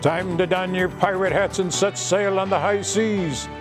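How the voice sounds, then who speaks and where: A man's voice: sits high, fairly even intonation, measured pace, music in the background. A news anchor putting on a jolly pirate man. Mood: hearty. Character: swashbuckling male pirate, hearty and playful.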